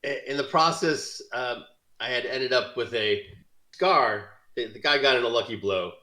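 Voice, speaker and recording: Man, tabletop player, hesitant, lots of fillers, echoey room, mid pitch. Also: moderate pace, pushed and bright. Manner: hesitant, many fillers and laughs. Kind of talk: describing his character in a tabletop game.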